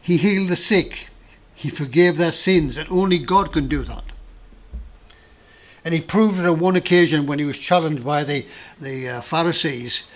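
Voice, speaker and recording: A man preaching a sermon in an earnest, emphatic way with dramatic pauses. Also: on the high side.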